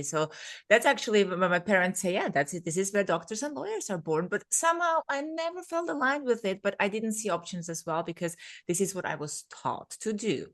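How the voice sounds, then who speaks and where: Her voice runs lowish as she tells personal stories conversationally. She's in her thirties, from Vienna, Austria, though born in Serbia, and appears as a podcast guest who is a speaker and coach.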